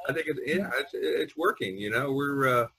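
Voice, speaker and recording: An older man hosts a casual group chat among artists on an online video call, rambling and sprinkling in "you know" often. His medium-pitched voice is bright, forceful and expressive at a normal speed, with slight background noise.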